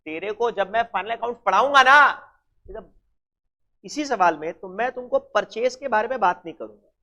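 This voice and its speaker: A man's voice: high-pitched, lively intonation, normal speed, bright, forceful tone. A man teaching an accounting class, who keeps prodding his students with the same questions over and over. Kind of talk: classroom lecture. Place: coaching classroom. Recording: dull lo-fi classroom recording.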